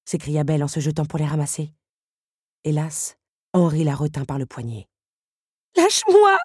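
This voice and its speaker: A woman narrating a storybook in a low, mellow, husky voice, measured and expressive. The sound is close and dry, with no room around it. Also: no room sound. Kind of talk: audiobook narration.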